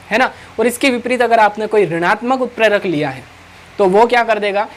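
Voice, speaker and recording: A man's voice: high-pitched, slight background noise. Man teaching, with constant "right?" checks. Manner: asks rhetorical questions and answers them, with constant "right?" check-ins. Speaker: chemistry teacher. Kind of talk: online classroom lecture.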